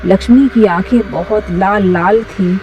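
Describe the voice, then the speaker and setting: A woman narrating a scripted horror story in a measured storytelling way. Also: medium pitch, a little mellow, highs cut off, a little hiss or hum.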